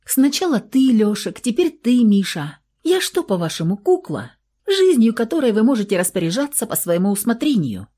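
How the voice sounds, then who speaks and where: An indignant young student girl, put on by a woman reading a story aloud snaps and shouts in a raised, swooping voice. The tone stays mellow underneath, read in a storybook manner. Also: fairly high pitch, big pitch swings, normal speed, voice pushed up. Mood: furious. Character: angry rebellious young woman student, near eighteen.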